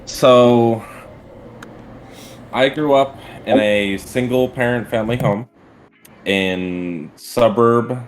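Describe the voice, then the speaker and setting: A man's voice: medium pitch, slow, pauses often, slight background noise. A man from Arizona talking casually as a guest, laid-back and reflective. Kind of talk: casual chat.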